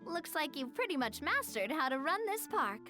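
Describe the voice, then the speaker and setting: Patient business mentor, encouraging, high lively voice, game music underneath. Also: female voice, normal speed. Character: friendly young woman business mentor. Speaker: game character voice. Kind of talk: video game voice acting. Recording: game audio over music.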